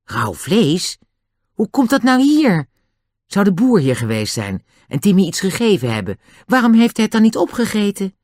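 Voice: mid-range voice, big pitch swings, normal speed, darkish tone, no room sound, studio quality, pitched above the performer's own voice. Dick, a narrator doing an eager boy. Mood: puzzled. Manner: eager, exclaiming questions. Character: lively boy, eager and outspoken.

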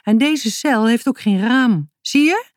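Vrouw die een gehaast bazig meisje speelt. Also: female voice, on the high side, animated, a little slow, no echo, clean studio sound, pitched above the performer's own voice. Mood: urgent. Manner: urgent, commanding. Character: quick-thinking bossy girl in a hurry.

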